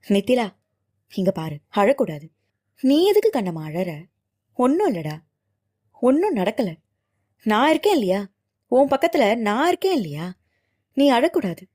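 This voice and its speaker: ஒரு பெண் குரல் மாற்றி பேசும் மென்மையான, அன்பான இளைஞன். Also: female voice, on the high side, very animated, unhurried, long pauses. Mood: soothing. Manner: soft, soothing, coaxing. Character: tender young man, protective and gentle. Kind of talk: audiobook character voicing.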